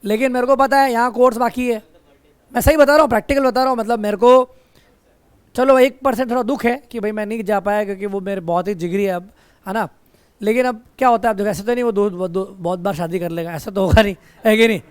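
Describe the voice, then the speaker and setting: This male teacher's voice sits high and stays steady and smooth as he moves quickly through a classroom lecture, teasing and scolding students between explanations. The recording is dry, with students chattering in the background.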